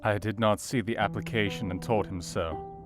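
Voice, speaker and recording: An actor playing an earnest, educated Victorian doctor, narrating his diary in a measured, formal way for an audio drama. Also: fairly low pitch, fairly even intonation, close to an everyday voice. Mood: sober, reflective. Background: soft guitar music.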